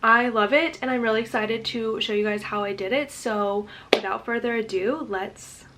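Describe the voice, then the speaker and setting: A young woman with a cold talks to camera in a relaxed makeup vlog. Her voice is stuffy and nasal, and she speaks in a chatty, unscripted way full of "um"s. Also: fairly high pitch, normal speed, very noisy. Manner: chatty with frequent "um" fillers. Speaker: fashion and lifestyle content creator. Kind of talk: casual makeup tutorial vlog.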